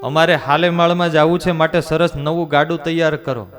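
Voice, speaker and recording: A man acting out an ailing, commanding holy man who scolds his followers in a raised, forceful voice. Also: a little high, fairly even intonation, brisk, music in the background, pitched above the performer's own voice, close to an everyday voice.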